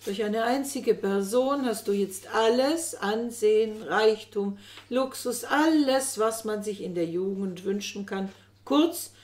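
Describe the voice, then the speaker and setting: A woman's voice: mid-range voice, darkish tone, natural voice. A woman voicing an effusive, scheming old chambermaid who talks insistently, in a roomy recording. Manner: gushing, insistent. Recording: roomy echo.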